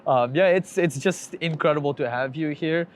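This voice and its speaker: A man's voice: fairly high pitch, normal speed, a little hiss or hum. Reflective young man from Bangladesh. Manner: candid and reflective, with frequent fillers. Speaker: podcast guest. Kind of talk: casual interview conversation. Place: home in New York.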